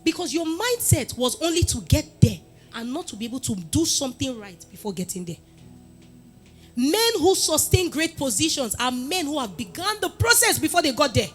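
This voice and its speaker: A woman with a Nigerian accent giving a lively motivational talk, switching between Pidgin and English and rising to loud, emphatic peaks. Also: high voice, normal speed, faint music behind. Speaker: motivational speaker.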